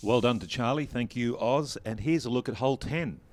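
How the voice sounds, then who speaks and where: A man's voice: medium pitch, a little fast, a little mellow. A man with an Australian accent hosting and giving golf commentary.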